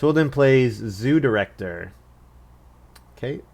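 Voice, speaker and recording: This board game player talks through his turns as casual commentary, poking fun at himself and laughing at his own plays. He speaks slowly in a medium-pitched, expressive voice that is gravelly yet a little mellow.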